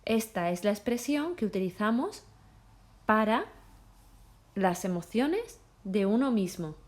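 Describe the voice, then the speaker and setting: Slow, lively teacher woman. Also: mid-range voice. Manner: switches between French and Spanish, models pronunciation slowly. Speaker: French teacher. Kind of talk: slow, clear classroom lesson.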